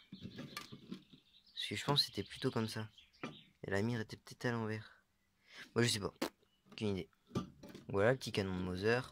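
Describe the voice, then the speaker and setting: Amid background noise, a young man with a lowish voice casually shows off his metal-detecting finds in a show-and-tell vlog. He talks hesitantly, using many fillers and unsure asides.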